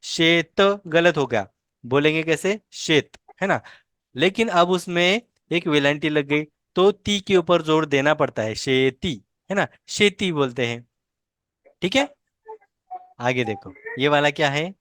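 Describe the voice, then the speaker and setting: Low-voiced patient woman teacher. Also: expressive, no room sound, studio quality. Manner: corrects and models words slowly, repeating each. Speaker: language teacher. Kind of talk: patient pronunciation drill.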